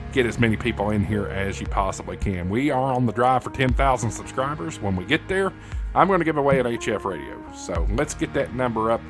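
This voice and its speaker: A man with an Appalachian hillbilly accent hosting a casual tutorial in a folksy, informal way, talking straight to his viewers. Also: mid-range voice. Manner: folksy, informal, addresses viewers as y'all and guys. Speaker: YouTube host and amateur radio news anchor. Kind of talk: casual tutorial livestream chat.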